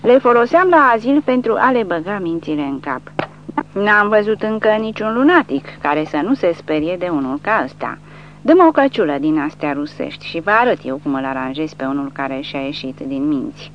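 A woman voicing a brash male army medic who brags and shouts mock threats, in a dull lo-fi recording with a faint hum. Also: fairly low pitch, expressive, natural voice. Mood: boastful. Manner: boastful, mocking shouts.

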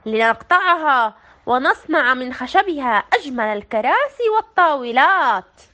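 A woman voicing an angry, greedy male furniture seller who shouts at the villagers. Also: high-pitched, expressive, moderate pace, voice pushed down. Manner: shouting, bossy.

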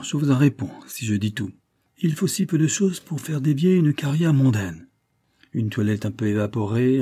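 A man's voice: medium pitch, mellow, pitched above the performer's own voice, lightly acted. A man reading aloud voices a proud, worldly middle-aged woman dressmaker who speaks in a dry, knowing, confiding way.

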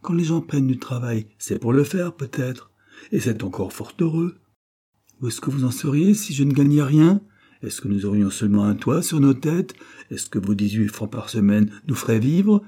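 A man voicing a shrill, ill-tempered working wife who scolds and shouts. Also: lively intonation, normal speed, breathy edge. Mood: furious. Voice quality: piercing, shrill.

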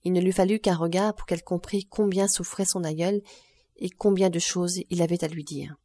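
Calm, mellow woman narrating an audiobook. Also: fairly low pitch, moderate pace, no room sound. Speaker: audiobook reader.

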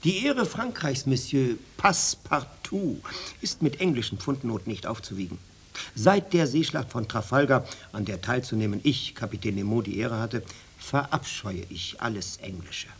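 An actor playing a pompous, patriotic French sea captain in a radio drama, declaiming proudly. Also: male voice, medium pitch, lively intonation, normal speed, creaky, fairly bright tone, a little hiss or hum. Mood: proud, indignant.

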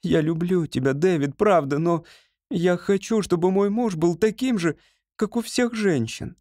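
A man's voice: high-pitched, unhurried, warm tone, no room sound, studio quality, pitched above the performer's own voice. A man voicing a young woman who pleads emotionally with her beloved in an audiobook reading. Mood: pleading.

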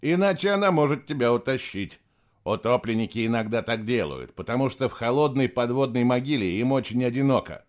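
A male narrator voicing a calm, cunning young male prisoner who speaks steadily and turns to urgent commands. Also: a little fast, natural voice. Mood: gruff, loud. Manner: steady, low-voiced, then urgent commands. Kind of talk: audiobook character voice.

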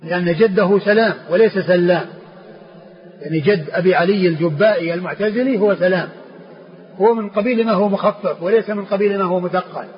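A man's voice: high-pitched, quick pace, faint music behind. A man, a sheikh, explaining a classical text to students, repeating phrases and restarting words as he teaches. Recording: dull lo-fi lecture recording with faint noise.

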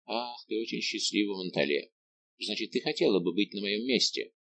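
A man reading a soft, tender young woman in an audiobook, sighing and close to tears. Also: on the low side, normal speed, slight background noise.

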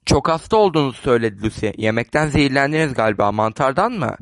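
A man reading the part of a gentle, shrewd elderly spinster in a storybook reading, polite and a little fussy. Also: medium pitch, animated, quick pace, dry recording, natural voice.

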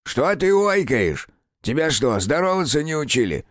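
A centuries-old house spirit, small and furry, who grumbles and teases in a creaky, cranky voice. His pitch leaps about wildly and sits well above the narrator's own. The recording is dry and close. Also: sing-song, moderate pace, no echo. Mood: grumpy. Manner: grumbling, teasing. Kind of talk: audiobook character voice.

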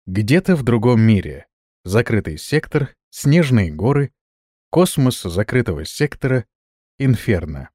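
A man narrating a fantasy audiobook with expressive intonation. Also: medium pitch, a little slow, no room sound, studio quality.

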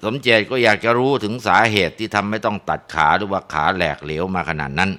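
Deep, bright-toned male storyteller. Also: fast. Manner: relaxed, with frequent tag particles and filler sounds. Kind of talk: spoken ghost story narration.

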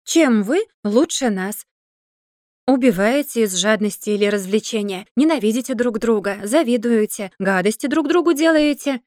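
A woman's voice: on the high side, moderate pace, darkish tone, no echo, clean studio sound, lightly acted. A woman voicing a grumpy, sardonic old magical tomcat who grumbles and lectures in a storybook reading. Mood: lecturing.

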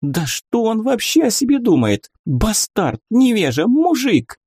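A man voicing a proud, indignant young baroness in an audiobook, raising his voice to a high falsetto. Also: sing-song, a little slow, darkish tone, slightly rough, dry recording, clean studio sound, full character voice. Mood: indignant sobbing. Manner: raised falsetto, emotional outbursts. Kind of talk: audiobook character reading.

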